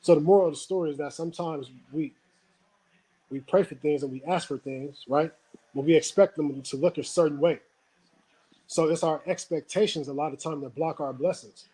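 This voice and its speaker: A man hosting a motivational webinar, telling a story and often checking in with a quick "right?". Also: a little high, dark tone, slightly rough, poor audio. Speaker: webinar host.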